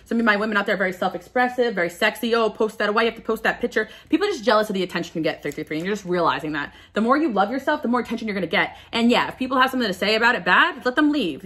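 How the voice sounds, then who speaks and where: Fast-talking bright woman reading tarot. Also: medium pitch. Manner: candid and confessional, stumbling over words. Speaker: tarot card reader. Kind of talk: casual pick-a-card tarot reading.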